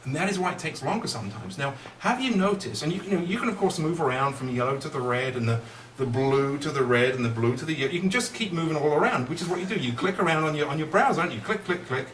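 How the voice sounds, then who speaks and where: A man's voice: a little high, expressive, fast, few pauses, fairly bright tone. A middle-aged man performing as a kids' party magician, with playful patter that coaxes the young audience along with questions. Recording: roomy, distant mic, faint noise.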